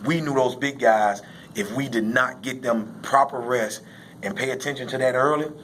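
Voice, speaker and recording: A man who coaches high school football, explaining casually and emphatically in a postgame interview, often repeating phrases for stress. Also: moderate pace, a bit bright, a little hiss or hum, rough recording.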